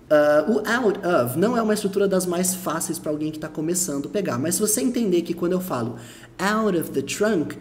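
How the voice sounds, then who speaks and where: A Brazilian man teaching a lesson, explaining patiently, repeating his points and checking the listener follows. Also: on the high side. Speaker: English teacher.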